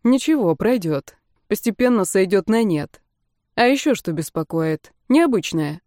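A woman reading the part of a calm male doctor who soothes and reassures his sister. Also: medium pitch, measured pace, no echo, studio quality, natural voice. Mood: soothing. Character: calm caring male doctor, protective older brother.

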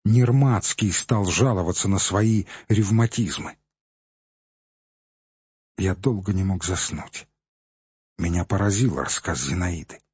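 A man narrating an audiobook in a measured, steady storytelling manner. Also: low voice, breathy edge, no room sound, lo-fi sound. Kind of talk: scripted narration.

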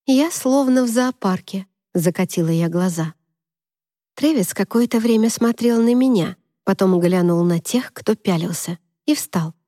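A woman narrating a novel in the first person, in an even, measured storytelling voice. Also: on the low side, no echo, clean studio sound. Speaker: audiobook narrator.

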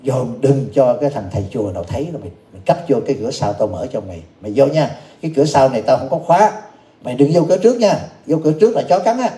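A sharp-tongued, bossy old lady, voiced by a man who scolds bluntly. The tone stays dark and mellow. A roomy echo hangs behind her words. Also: mid-range voice, lively intonation, rapid-fire, close to an everyday voice. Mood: scolding.

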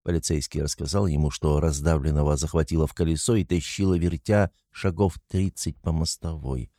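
A man narrating a classic novel in a steady, measured reading voice. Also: rumbling low, no room sound, clean studio sound. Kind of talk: audiobook reading of classic fiction.

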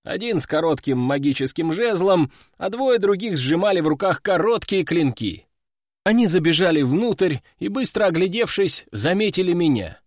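A man's voice: sits high, animated, normal speed, dry recording, studio quality. A man narrating an audiobook in the first person, with a wry, ironic storytelling manner.

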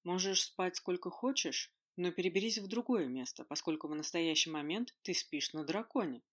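A man's voice: high voice, normal speed, a bit bright. A reader voicing a stern, scolding king. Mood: calm. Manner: commanding, scolding. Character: stern irritated adult male king.

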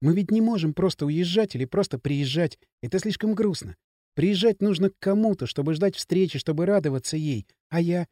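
A lonely young woman, tearful and pleading, voiced by a male narrator. The voice is warm and dark, and its pitch moves a lot. The sound is dry and close. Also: animated, fairly quick, no echo.

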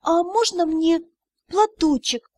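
A woman's voice: extremely high pitch, takes it slowly, a little mellow, no room sound, studio quality, pitched above the performer's own voice. A woman voicing a tearful, indignant young female magic student in an audiobook. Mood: wry. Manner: pleading, indignant.

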